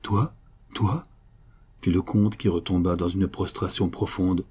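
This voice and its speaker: A man reading a classic novel aloud in steady, even storytelling narration. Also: sits low, normal speed, slightly rough. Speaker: audiobook reader.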